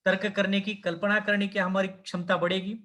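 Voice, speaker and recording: A man's voice: sits high, level tone, normal speed, a bit bright. A male teacher giving a lecture, explaining step by step with fillers and self-corrections. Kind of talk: lecture on language skills.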